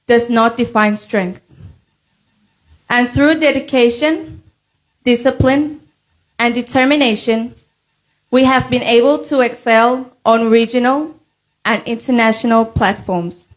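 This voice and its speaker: A young woman from Nauru, giving a prepared formal speech as a pageant contestant in an earnest, measured way. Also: on the high side, poor audio. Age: young adult.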